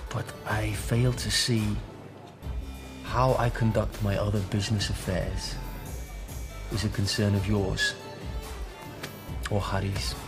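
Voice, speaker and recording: A man's voice: on the low side, little pitch movement, takes it slowly, long pauses. A man playing a coolly polite crooked businessman. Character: cool, formal male businessman crook. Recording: drama clip under music.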